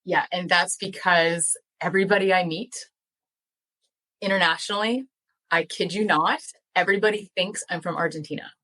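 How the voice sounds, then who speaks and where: A young American woman, a language educator and dairy farmer, chats as a guest on a casual podcast about her farm and language work. She sounds enthusiastic and uses lots of fillers, her voice sitting low with a sharp edge at a moderate pace. The recording quality is poor.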